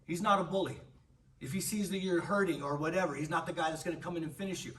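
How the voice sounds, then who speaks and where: Bright-voiced coach speaking from across the gym. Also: male voice, on the high side, fast talker. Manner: animated, emphatic, swears freely. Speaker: martial arts coach. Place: martial arts gym, indoors. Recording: distant voice with faint room noise.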